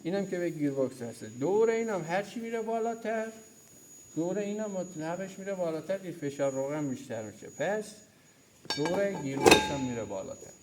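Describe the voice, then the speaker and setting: Pointing to parts and going over key terms again and again, a mechanics instructor runs a hands-on lesson in an auto repair workshop. His high-pitched voice is animated, and the background is noisy.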